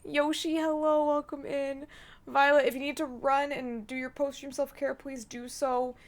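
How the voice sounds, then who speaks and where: High-voiced, excitable woman streaming a game. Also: moderate pace. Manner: excitable, sweary, reacts out loud. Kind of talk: casual live game stream commentary.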